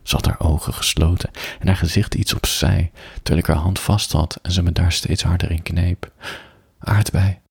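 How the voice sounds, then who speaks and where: A man reading an adult story as a bedtime story, in a very husky, breathy voice. His voice sits low with a gravelly fry, soft and intimate, often sinking into a whisper. It is recorded close and bone-dry. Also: flat delivery, normal speed, hardly any pauses, no room sound.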